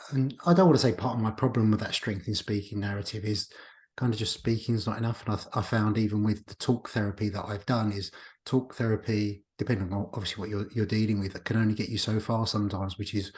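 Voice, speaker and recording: Speaking fast in a fairly low, darkish voice with a steady tone, this podcast host chats casually and reflectively. He frequently restarts his sentences as he thinks out loud.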